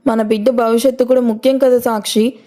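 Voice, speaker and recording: Brief: woman reading a hot-tempered young father in a story, demanding and argumentative, slightly high and warm. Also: flat delivery, brisk, natural voice. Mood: pleading. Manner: shouting, then pleading. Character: angry insistent young father, demanding man.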